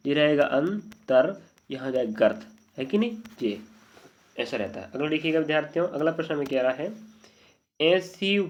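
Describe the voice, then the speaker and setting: A man's voice: on the high side, darkish tone. A man teaching an exam-prep spelling lesson, checking often that his students follow. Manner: repeated checking questions to students. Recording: dull lo-fi audio.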